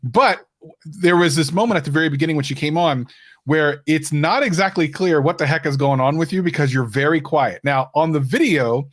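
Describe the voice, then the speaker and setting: A man co-hosting a tech podcast, asking questions in relaxed, curious chat. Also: fairly high pitch, a little fast, no echo, studio quality. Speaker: podcast co-host.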